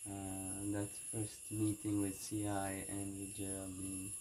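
A man speaks in a measured, hesitant way, pausing often between phrases. The recording is outdoors and carries clear background noise. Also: sits low, completely flat delivery, mellow, poor audio. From Portugal, Azores. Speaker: interview guest, dancer. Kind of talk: casual interview answers. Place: outdoors in a forest.

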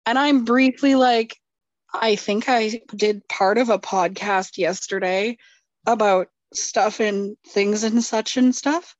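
A woman co-hosting a podcast chats casually, making drowsy, self-deprecating jokes about herself. Her medium-pitched voice goes slowly, and the dull audio has no echo.

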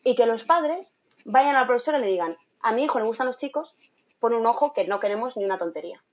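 Lively young woman telling a story. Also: fairly high pitch, fast. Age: young adult. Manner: animated, acts out quoted voices, laughs often. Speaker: guest, content creator and trainee teacher. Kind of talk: casual interview storytelling.

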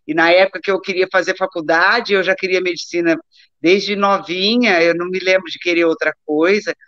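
A woman's voice: on the low side, steady tone, a little fast, a bit bright. A middle-aged woman from Brazil chatting informally about her life, digressing and repeating words for emphasis. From Brazil, born in Rio, raised in Taubaté. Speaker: interview guest, doctor and amateur athlete. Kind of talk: casual autobiographical chat. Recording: echoey room, dull lo-fi live-stream audio.

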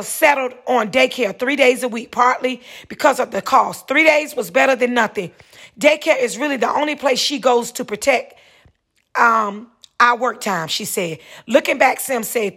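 On her solo podcast, a woman reads a news article aloud, then rambles into casual commentary, repeating herself and correcting her words. Her voice is on the high side, a bit bright, with a breathy edge.

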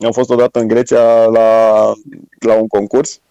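A man guest on a radio sports show, sharing stories in a casual, chatty way. His voice sits at an ordinary pitch and sounds dry and close, without any room echo. He laughs now and then while telling his tales. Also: monotone, mellow, smooth, highs cut off. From Romania. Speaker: guest, former world rowing champion. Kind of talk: casual radio interview chat.

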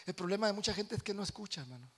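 A man preaching a sermon as pastor in a church, animated, swinging from soft confiding talk to loud shouting. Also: high voice, rapid-fire, slightly rough.

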